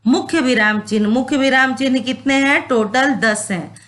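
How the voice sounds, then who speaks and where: A woman's voice: sits high, moderate pace, fairly bright tone. A woman teacher giving a patient classroom lesson, repeating points, checking that students follow and mixing in English words. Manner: mixes English words into Hindi. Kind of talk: classroom lesson on Hindi grammar.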